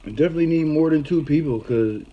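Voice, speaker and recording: A man's voice: fairly high pitch, fast, dull audio. A man chatting casually during a food challenge and exclaiming as his mouth burns from spicy food. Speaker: host of a hot sauce challenge video with spouse.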